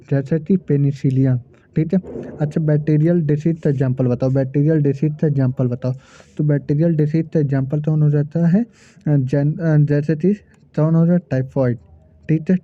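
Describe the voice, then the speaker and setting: A man reviews biology like a rapid quiz, asking one question after another and answering each himself, stalling on fillers while he recalls terms. His voice sits a little high. The sound is thin and phone-like, in a dead, dry space. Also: no room sound. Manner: asks questions and answers them himself, rattles off lists. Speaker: biology teacher. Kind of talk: quick-fire question and answer revision. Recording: tinny phone-like recording, dry.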